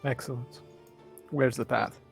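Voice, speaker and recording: A man voicing a stoner mystic as a solemn wise sage in a tabletop game, with a husky, gravelly voice. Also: mid-range voice, fairly even intonation, unhurried. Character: male stoner mystic adventurer playing the wise old sage. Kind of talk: tabletop role-play. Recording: music under the voice.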